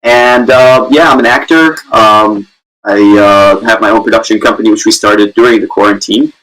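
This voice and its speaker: Easygoing Syrian-born man, low voice. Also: fairly even intonation, moderate pace, a bit bright, poor audio. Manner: easygoing, laughs, many uh fillers. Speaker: actor and guest. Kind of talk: casual interview answers.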